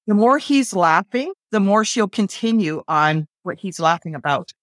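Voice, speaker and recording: A woman's voice: medium pitch, animated, moderate pace, no echo, studio quality. A woman who owns a parrot, rambling and thinking aloud in a casual group conversation. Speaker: parrot owner.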